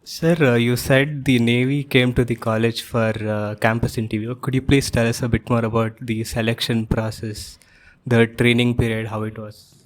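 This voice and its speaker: A man with an Indian accent and a medium-pitched voice conducts an interview. He phrases his questions formally and deferentially, addressing the guest with courtesy. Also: flat delivery, moderate pace.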